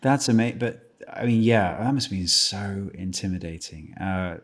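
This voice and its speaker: A man's voice: low voice, moderate pace. A British man in his thirties, a guest actor chatting casually on a podcast, joking and mocking himself, often restarting his sentences. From Britain.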